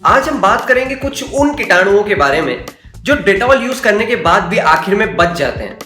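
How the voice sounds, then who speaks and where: A man's voice: high-pitched, very animated, moderate pace, reverberant, over music. Sarcastic ranting young man. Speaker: host. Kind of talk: comedic roast commentary.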